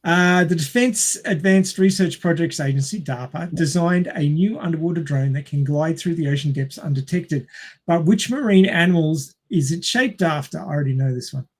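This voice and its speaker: In a relaxed group quiz, the host, a man with an Australian accent, reads questions and chats with his friends. His voice is a little high and darkish in tone, with a moderate pace.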